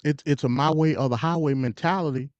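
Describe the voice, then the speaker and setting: Speaking quickly in a fairly high voice, an American man runs a live stream of casual, opinionated political talk, emphatic and slangy, repeating himself and stuttering in a conversational way. The live stream audio is dull and lo-fi, with no room sound.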